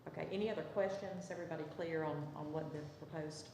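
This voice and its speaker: A woman mayor with a Southern US accent, calmly chairing a city council meeting and calling votes. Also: sits low, fast talker, creaky. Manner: procedural, calm, calls votes. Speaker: mayor presiding over council. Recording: echoey council chamber, faint noise.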